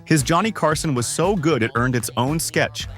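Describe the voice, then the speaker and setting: A man's voice: fairly high pitch, lively intonation, moderate pace, fairly bright tone. A man reading hyped-up scripted narration. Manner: upbeat, hyped-up delivery. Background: faint background music.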